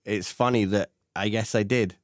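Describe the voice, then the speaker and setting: A man hosting a casual interview podcast, enthusiastic and quick to laugh, with frequent fillers. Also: fairly low pitch, steady tone, no room sound, clean studio sound. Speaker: podcast host.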